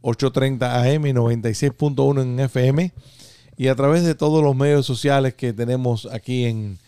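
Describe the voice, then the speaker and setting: A man's voice: mid-range voice, steady tone, fairly quick, warm tone, clean tone, no echo. A male radio host. He talks casually to listeners in a dry studio with no room sound. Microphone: studio microphone.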